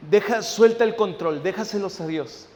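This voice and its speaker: This pastor's voice is high-pitched and a little mellow, at normal speed. Preaching a sermon, he regularly checks in with listeners and plays out family dialogue in his stories, with long hall reverb throughout.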